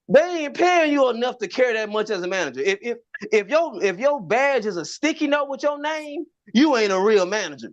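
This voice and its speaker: A male comic works through a stand-up set with a lively, swinging voice. He stumbles over his words and repeats them as he tells his stories. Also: high voice, lo-fi sound. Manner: stammering repeats, animated storytelling. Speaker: stand-up comedian.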